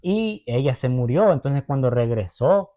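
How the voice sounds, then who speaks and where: An unhurried male preacher with a mid-range voice and lively intonation gives a chatty Bible teaching. He brings stories to life by voicing the characters and regularly checks on his listeners with tag questions, all captured with a tinny, phone-like quality.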